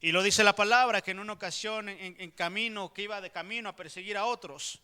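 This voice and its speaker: A man's voice: high voice, fairly even intonation, fast talker, sharp tone, clear, resonant tone. A man with a Mexican Spanish accent preaching a sermon as pastor, emphatic and putting direct questions to the congregation. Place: church hall. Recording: reverberant church hall.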